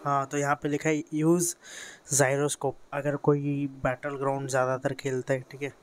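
A man's voice: mid-range voice, completely flat delivery, a little fast, soft background music. A teenage boy from India talks through a mobile game tutorial in a casual, rambling way, full of fillers and self-corrections. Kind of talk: casual screen-recorded tutorial. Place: bedroom with a fan running.

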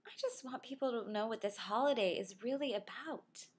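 A woman's voice: a little high, fairly quick, slightly rough, pitched above the performer's own voice. A woman voicing her earnest, sweetly pious five-year-old daughter, sincere and matter-of-fact.

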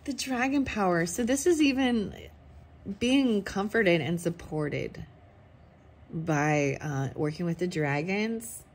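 A young woman giving a casual tarot reading, thinking aloud and often breaking into excited exclamations. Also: lowish voice, slow, slightly rough. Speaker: tarot reader.

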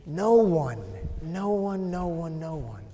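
Animated priest preaching in a church. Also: male voice, fairly high pitch, slow pace. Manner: animated, gesturing, voice swings from loud emphasis to near-whisper. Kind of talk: sermon. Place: large church sanctuary. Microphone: far camera, no visible mic. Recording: long church reverb.

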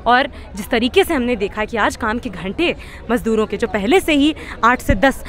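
At an outdoor street protest, a young adult woman speaking as a student activist gives an impassioned street interview into several handheld press mics held close to her. Her high voice is expressive and moves at normal speed. She talks in a fiery, rhetorical way, stumbling over restarts as she builds her point.

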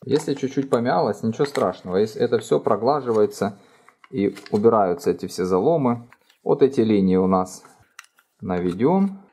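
A middle-aged man calmly explaining each fold in a step-by-step origami tutorial, recorded indoors at a table. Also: fairly low pitch, normal speed, slightly rough. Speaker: origami instructor. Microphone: overhead camera framing hands only.

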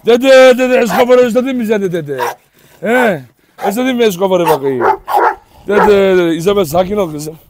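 A man's voice: sits high, normal speed, heavy background noise. A man filming on his dog farm, chatting casually to viewers and calling commands to the dogs, with barking behind him. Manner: affectionate, shouts commands at dogs. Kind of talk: casual commentary while handling dogs.

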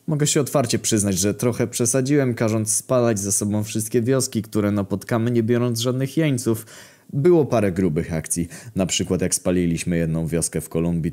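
Male storyteller, low voice, dry matter-of-fact delivery, comic narration. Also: dark tone.

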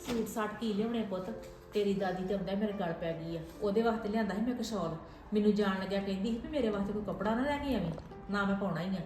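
A woman's voice: medium pitch, fast talker, a little mellow, echoey room, faint music behind, natural voice. A woman playing a wife in a family drama, complaining and hurt. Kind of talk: scripted village family drama.

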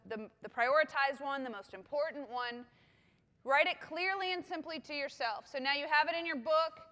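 A woman's voice: high voice, pushed and bright. A middle-aged woman facilitating a conference workshop, giving upbeat step-by-step directions to the audience on a hall stage. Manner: upbeat, directive, checks in with "okay?".

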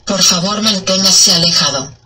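An automated train announcer made of spliced-together recorded words, listing stations and transfers in an evenly measured way. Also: mid-range voice, recorded from a distance, rough recording.

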